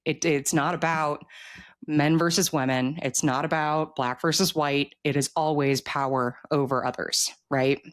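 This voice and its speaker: Speaking a little slowly in a mid-range voice, an author with an American accent gives a casual interview. He lays out opinions with animation and frequently checks in with the listener, and there's no room sound.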